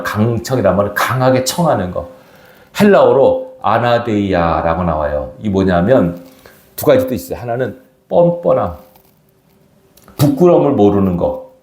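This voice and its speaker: In an echoey church sanctuary, a middle-aged pastor preaches a sermon in a mid-range voice with a darkish tone, questioning his congregation as he goes.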